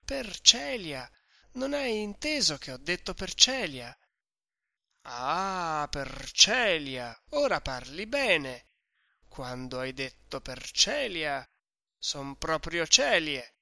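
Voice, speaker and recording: A man voicing a drunk young man, boastful and muddled, with slurred, drawn-out speech. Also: on the high side, sing-song, sharp tone, heavily acted. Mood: slurred relief.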